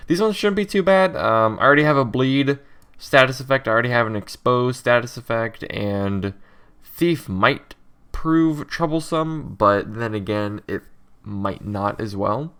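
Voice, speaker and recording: A drowsy young man talking through his code as he writes it, halting and correcting himself, with keyboard typing behind him. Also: mid-range voice, lively intonation, fairly bright tone, smooth. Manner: thinks aloud, self-correcting, halting with many pauses. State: drowsy, just woke from a nap. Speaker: game developer coding tutorial host. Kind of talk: casual screen-recorded coding commentary.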